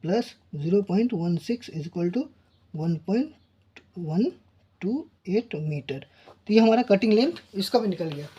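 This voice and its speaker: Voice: mid-range voice, mellow. A tutor explaining engineering calculations step by step, often repeating numbers and phrases while working through them.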